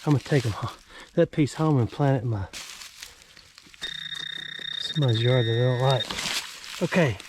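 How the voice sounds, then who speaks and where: A man talks casually and folksily, with a dry joking streak, in a voice of ordinary pitch. He sounds like he is vlogging outdoors, with faint noise and clicks around him. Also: normal speed, long pauses. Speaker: metal detecting vlogger. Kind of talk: casual outdoor vlog commentary. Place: outdoors in a rural yard.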